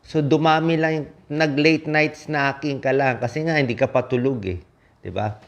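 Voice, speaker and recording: A man's voice: mid-range voice, normal speed. A man from the Philippines, a doctor giving health tips in a casual, emphatic talk, often checking in with his listeners. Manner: punchy, emphatic list-giving with frequent "di ba?" checks.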